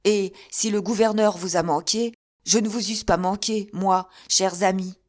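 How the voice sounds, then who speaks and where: Woman reader doing a forceful middle-aged musketeer captain, urgent and commanding, audiobook. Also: medium pitch, fairly even intonation, a little slow, lightly acted. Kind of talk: audiobook character reading.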